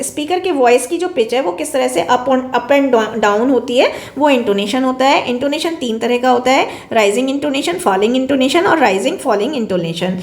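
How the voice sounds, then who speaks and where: A woman's voice: sits high, reverberant. A woman teacher with an Indian accent, giving a recorded online lecture in Hindi mixed with English terms, repeating points and asking herself questions.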